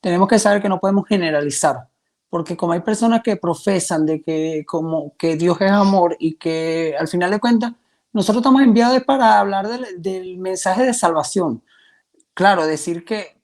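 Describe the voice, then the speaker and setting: A man's voice: sits high, a little mellow. A man in his twenties from Venezuela with a Venezuelan accent, giving his faith testimony in a hesitant, earnest way with many restarts. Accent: Venezuelan Spanish. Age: 20s. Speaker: testimony guest.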